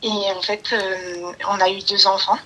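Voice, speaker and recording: A woman calling in to a live show, talking hesitantly with many pauses. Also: mid-range voice, level tone, pushed and bright. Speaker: caller. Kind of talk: phone call to a live show. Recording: phone line with clicks.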